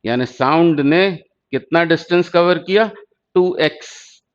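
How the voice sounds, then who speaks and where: A man teaches physics in a slow, deliberate lecture and repeats key terms so students catch them. His voice sits a little high for a man. The recording is dull and lo-fi. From India. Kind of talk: exam-prep lecture.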